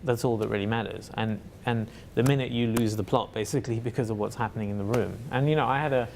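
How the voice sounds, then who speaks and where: A man's voice: fairly low pitch, fast talker, creaky, darkish tone, slight background noise. A man talking as an interview guest about his work as a facilitator, in a reflective and hesitant way with many fillers and restarts. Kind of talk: reflective conversational answer.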